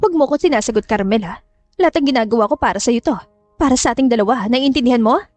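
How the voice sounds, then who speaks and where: A woman's voice: on the high side, animated, fast talker, a little mellow, dry recording, faint music behind. A woman doing a cold, scheming mother. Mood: coaxing commands. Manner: curt, commanding, coaxing.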